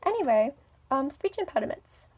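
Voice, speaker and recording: Her voice slightly high, sing-song and a little mellow, a young vlogger with a speech impediment rambles at a moderate pace. She's hesitant, stopping, restarting and filling gaps with ums, and her tone swings from smooth and businesslike to playful.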